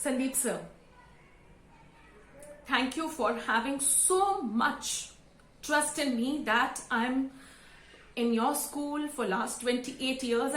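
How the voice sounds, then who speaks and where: A woman's voice: high voice, a little hiss or hum. Emotional Indian woman, around fifty. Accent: Indian English. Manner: emotional, sincere, halting with fillers. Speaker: vlogger and school teacher. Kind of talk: heartfelt thank-you speech to camera. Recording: roomy echo.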